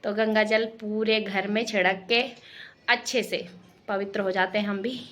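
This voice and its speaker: A young woman from Garhwal, chatting fast and cheerfully to her viewers in a casual home vlog. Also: medium pitch, flat delivery, fairly bright tone. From Garhwal, Uttarakhand. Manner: fast-talking, chatty, addresses viewers as guys. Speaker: vlogger.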